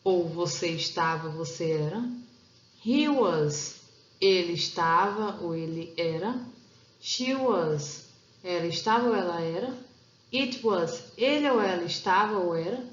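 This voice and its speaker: Her pitch leans low, but her intonation stays lively. A Portuguese speaker, she's giving an English grammar lesson with slides, going step by step and reading example sentences more slowly, in a dull, roomy, low-fidelity recording.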